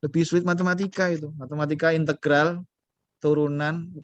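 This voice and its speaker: A man's voice: on the high side, flat delivery, a little fast, dry recording, highs cut off. A man teaching a beginner Arabic class online, patient and coaxing, quizzing his students as he goes.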